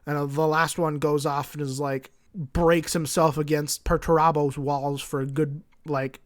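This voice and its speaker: A man's voice: on the high side, little pitch movement, unhurried. A man giving a rambling, flippant comedic summary of a story. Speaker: lore video creator.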